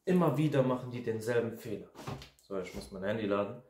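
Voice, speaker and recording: A man's voice: lowish voice, expressive, brisk, darkish tone, slight background noise. A man in his twenties, a life coach talking casually to camera in an emphatic, repetitive ranting manner. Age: 20s. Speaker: life coach and video host. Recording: echoey room.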